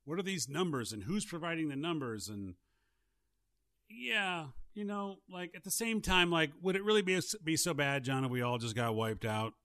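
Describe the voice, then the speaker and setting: A man co-hosting a podcast, riffing jokes in casual, animated comedic chat. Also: fairly high pitch, normal speed. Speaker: podcast co-host.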